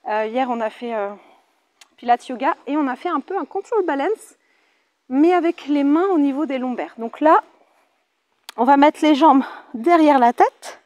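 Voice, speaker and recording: A Frenchwoman from France, speaking with a French accent, leads a Pilates class in a cheerful, chatty way while counting out the reps. Her voice sits high and expressive with a darkish tone, moving at a moderate pace with frequent pauses. The recording is dry.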